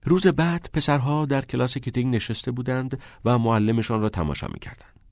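A man reading a novel aloud as an audiobook narrator, in measured storytelling. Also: medium pitch, dry recording, clean studio sound.

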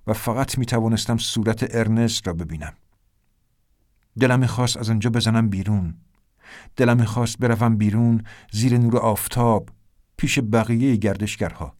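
A man reading a first-person story aloud in a plain, steady way. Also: mid-range voice, no echo, clean studio sound. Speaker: audiobook narrator.

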